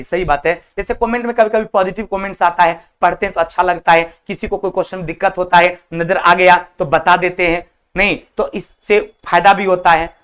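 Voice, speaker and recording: A man's voice: sits high, a bit bright. A male teacher, lecturing an online exam-prep class in a scolding yet affectionate, colloquial way. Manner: colloquial, repeats words like 'chala' and 'babu'.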